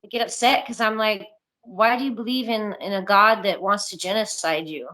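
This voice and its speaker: A woman's voice: medium pitch, moderate pace, sharp tone, poor audio. A woman who is a guest in a casual conversation, telling with exasperation how she argues with other people.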